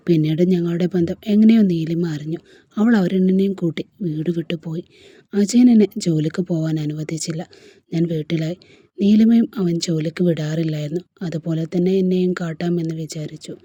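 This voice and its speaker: A woman's voice: fairly low pitch, fairly quick, warm tone, slightly rough, dry recording, muffled recording. A woman voicing a heartbroken married woman who pours out her sorrow in a storybook reading. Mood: sorrowful.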